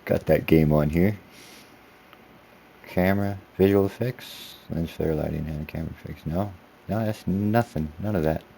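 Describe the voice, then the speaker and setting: A man's voice: low voice, normal speed, creaky, dark tone, a little hiss or hum. A man giving casual, rambling commentary to himself while playing a racing game. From United States. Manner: rambling self-talk while driving, easygoing. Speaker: sim racing video creator.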